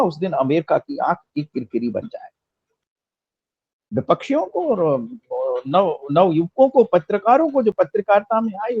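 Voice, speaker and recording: A man's voice: high-pitched, a little mellow, slightly rough, no echo. A man giving impassioned political commentary, rhetorical and emphatic, repeating phrases for effect, on a dry, slightly dull recording.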